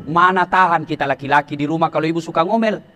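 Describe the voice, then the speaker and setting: Animated high-voiced preacher man. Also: fast talker, a little hiss or hum. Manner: animated, teasing, swings from shouting to hushed warnings. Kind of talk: humorous sermon to police officers.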